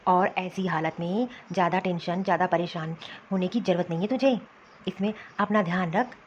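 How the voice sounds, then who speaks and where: A woman's voice: lowish voice, steady tone, normal speed, dull audio, a little hiss or hum, natural voice. A woman voicing a young out-of-work husband in a cartoon, soothing his wife and then ordering her to cook. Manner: reassuring then ordering about. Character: young jobless husband, soothing but bossy. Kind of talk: Hindi cartoon voice acting.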